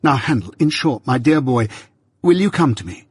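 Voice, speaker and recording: Voicing a fond young Victorian gentleman who speaks with eager cordiality to a friend, raised and bright, a man reads aloud in an expressive medium pitch. His pace is normal, his voice slightly rough, and the recording is dry.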